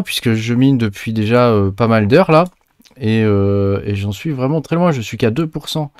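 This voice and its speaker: Low-voiced man talking through a hesitant screen tutorial. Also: darkish tone, dry recording, clean studio sound. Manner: hesitant, lots of filler sounds and restarts; chatty, addresses viewers directly. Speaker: crypto mining tutorial host. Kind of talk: casual screen-share tutorial.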